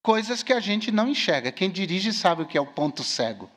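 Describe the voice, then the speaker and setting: Man, middle-aged, pastor, sermon, very high-pitched voice, storytelling delivery. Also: sing-song, brisk, fairly bright tone, long reverb tail. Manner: storytelling with acted-out quotes.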